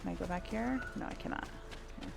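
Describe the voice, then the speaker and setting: A gameplay streamer with a lowish, gravelly voice talks fast, casually rambling through her thoughts and letting the odd mild swear slip. Game music and sound effects run behind her.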